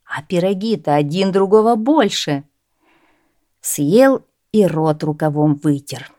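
A woman narrating a folk tale in a measured, expressive storybook reading. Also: lowish voice, dry recording, studio quality.

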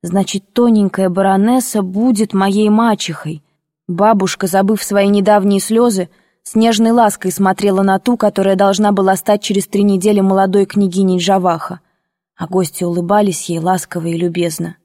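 A woman narrating a first-person audiobook in a measured, emotional storytelling manner. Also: medium pitch, flat delivery, mellow, no echo, studio quality. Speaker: audiobook reader.

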